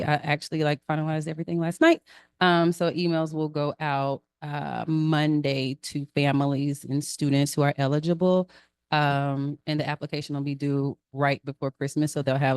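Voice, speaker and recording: A woman updates a council meeting in a casual, conversational way. Her voice sits low for a woman. The sound is close and dry. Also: a little mellow, smooth, no echo. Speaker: council member giving an update. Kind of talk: meeting report.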